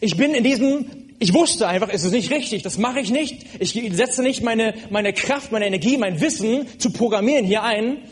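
A man's voice: sits high, normal speed, hardly any pauses. A man preaching a sermon, speaking earnestly and directly to the listener, with frequent hesitations.

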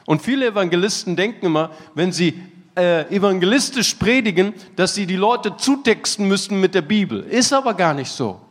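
A male preacher with a fairly high voice delivers a sermon as animated storytelling and laughs at his own anecdotes. His words ring out with a long reverb in a large conference hall. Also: fairly quick.

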